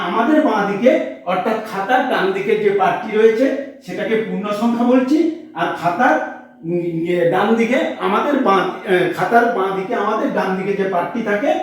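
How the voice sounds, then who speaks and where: High-voiced man teaching math in an echoey room. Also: distant mic. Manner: asks questions and answers them himself, repeats key words. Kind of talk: classroom lesson to students.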